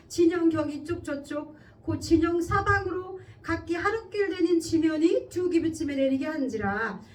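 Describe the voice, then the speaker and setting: A woman pastor preaching a sermon in a conversational way, often checking in with her listeners and acting out quoted speech. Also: sits high. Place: church. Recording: distant mic with faint background noise.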